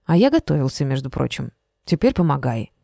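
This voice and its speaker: A woman voicing a rude, gruff young village man who speaks bluntly and coarsely, in an audiobook reading. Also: extremely low pitch, very animated, brisk, warm tone, no room sound, studio quality, pitched below the performer's own voice, exaggerated voice.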